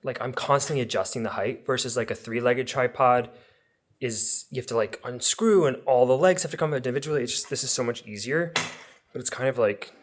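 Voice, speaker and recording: A man's voice: mid-range voice, brisk. A man vlogging about his home makeover, explaining things in a casual, chatty way with informal asides to viewers.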